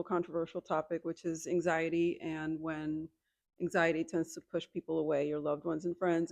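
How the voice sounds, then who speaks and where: A woman co-hosting a casual chat podcast, her speech slightly muffled with a light lisp from clear aligner trays. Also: fairly low pitch, darkish tone, no echo. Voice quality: chatty, wine in hand. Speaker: podcast co-host.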